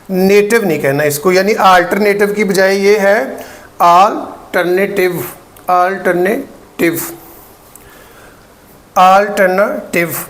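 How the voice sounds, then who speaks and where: A man from Pakistan with a Pakistani Urdu accent, teaching English pronunciation and slowly repeating each word for practice. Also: sits high. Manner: slow, deliberate, repeats words for drill; explains patiently, checks in with "ठीक है". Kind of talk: pronunciation lesson.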